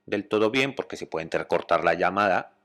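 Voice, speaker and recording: A man with a Spanish accent, a psychologist calmly explaining communication and often checking that listeners follow. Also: sits low, brisk. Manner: calm, explanatory, checks understanding with "¿vale?".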